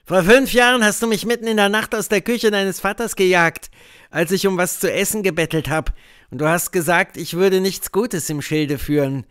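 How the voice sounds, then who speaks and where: A man reading an audiobook, voicing a bitter, vengeful grown man who accuses and threatens loudly. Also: high-pitched, moderate pace, clear, resonant tone, no room sound, clean studio sound, pitched above the performer's own voice. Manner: loud, accusing, seething.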